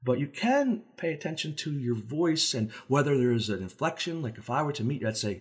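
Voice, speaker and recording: A man speaking as a safety trainer in a relaxed, conversational teaching talk, using everyday examples and briefly acting out voices. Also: medium pitch, a little fast. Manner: acts out contrasting voices to make points.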